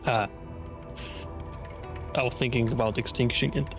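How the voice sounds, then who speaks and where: A man's voice: medium pitch, steady tone, moderate pace. A man talking casually as a player in a tabletop game. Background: background music.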